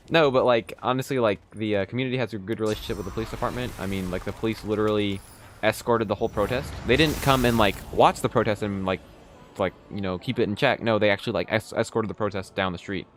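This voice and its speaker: The young Texan streamer talks fast in a fairly low voice, slight background noise behind him. With his light Texan accent he rambles to viewers while playing, filling gaps with plenty of fillers.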